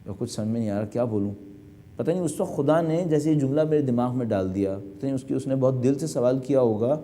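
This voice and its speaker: Man, middle-aged cleric, sermon, emphatic, rhetorical questions, mellow tone. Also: mid-range voice, slight background noise. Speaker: cleric delivering a majlis.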